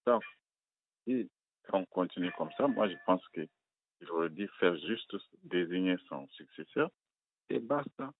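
A man's voice: low voice, expressive, a little slow, long pauses, slight background noise. A male caller leaving a blunt, emphatic voicemail message for a radio show. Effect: voicemail message left by phone. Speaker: listener caller. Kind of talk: opinionated call-in message. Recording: tinny phone line voicemail.

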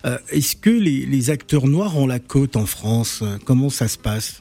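A man hosting an interview, putting questions to his guests in a hesitant way with many pauses. His voice sits at an ordinary middle pitch. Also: expressive, dark tone. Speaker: interview host.

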